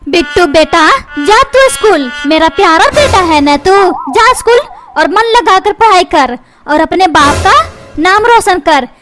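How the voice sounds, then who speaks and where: A woman voicing a soft-hearted cartoon mother who coaxes her son gently. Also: extremely high pitch, expressive, unhurried, full character voice. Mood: coaxing. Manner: coaxing, gentle. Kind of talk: cartoon dubbing. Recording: loud background music. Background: loud music.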